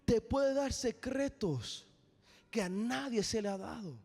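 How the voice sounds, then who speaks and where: Man, young evangelist, impassioned sermon, very high voice, long hall reverb. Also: lively intonation, takes it slowly, vocal fry. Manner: impassioned, rises to sung shouts. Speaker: evangelist preacher.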